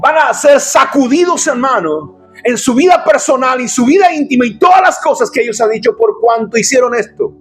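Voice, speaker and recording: A man preaching an impassioned sermon as pastor, often shouting and addressing listeners as brother. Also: extremely high pitch, lively intonation, normal speed, soft background music. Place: church.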